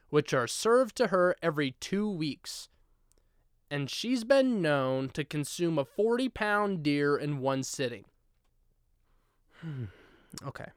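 A man's voice: fairly high pitch, clear, resonant tone, no echo, studio quality. Playful man telling animal stories. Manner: animated, jokey, exaggerated asides. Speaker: podcast host. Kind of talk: comedic storytelling monologue.

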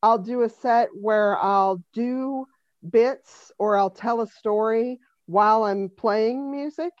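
Speaking slowly, a Denver woman in her fifties who does comedy and music chats on a podcast, dry and wry, laughing a lot. Her fairly high voice has a darkish tone, and the recording is dry and muffled.

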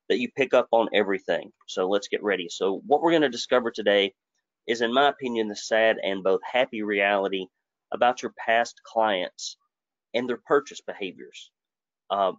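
A man's voice: lowish voice, dry recording. A man, giving a live webinar presentation in a folksy, joking, conversational way. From Alabama, US. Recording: dry, dull lo-fi webinar audio.

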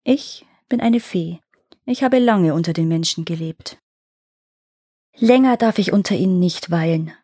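A woman voicing a gentle fairy mother bidding her daughters farewell, tender and mournful in a storybook tale. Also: fairly low pitch, measured pace, slightly rough, no echo, studio quality.

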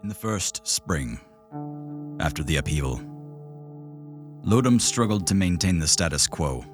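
A man's voice: low-pitched, big pitch swings, soft background music. A man voicing a distant, grave memory voice. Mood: somber. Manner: slow, grave, reflective. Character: remorseful male leader recalling a past decision. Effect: distant memory voice drawing closer. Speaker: game master.

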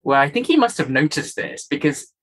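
His voice sits on the high side, very animated and brisk, with a fairly bright, slightly rough tone captured in a low-quality recording. He's a Kenyan interview guest with a faint, polished accent, earnestly and emphatically recounting his own experience and returning to key phrases in reflective talk.

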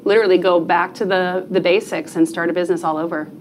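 This is a woman from New Jersey speaking as a guest on a podcast. Her voice sits fairly low, and she talks in an earnest, conversational way. A faint room ambience runs underneath. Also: fairly even intonation, fast, a little hiss or hum. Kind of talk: podcast interview.

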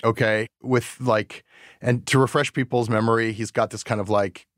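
A man's voice: medium pitch, fairly even intonation, normal speed, no echo, studio quality. A man hosting a podcast, talking casually and rambling with lots of fillers. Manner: rambling, chatty, many fillers. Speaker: podcast host. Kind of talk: casual chat.

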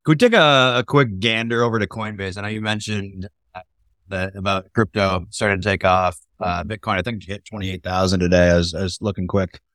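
Man, low voice, podcast host, rambling questions, dry sound. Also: fairly even intonation, brisk, a bit bright, no echo. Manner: rambling questions, hesitant fillers. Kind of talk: casual investing discussion.

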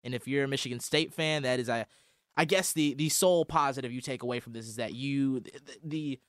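A man's voice: medium pitch, a little fast, a bit bright, smooth, dry recording, studio quality. Easygoing young American man talking sports. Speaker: sports radio co-host and analyst. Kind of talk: casual sports commentary and banter. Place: radio studio.

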